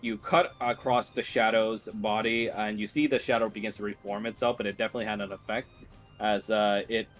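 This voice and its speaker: Low-voiced man running a tabletop game over music. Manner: informal, halting narration. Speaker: game master. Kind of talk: narrating a tabletop role-playing game.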